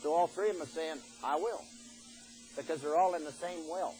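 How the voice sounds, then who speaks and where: An older man delivers a homespun sermon, reading old scripture and then breaking it down in plain everyday talk. His voice sits slightly high for a man. Soft music plays faintly behind him. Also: moderate pace, low-quality recording. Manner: folksy, reads scripture aloud then explains it plainly. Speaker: preacher.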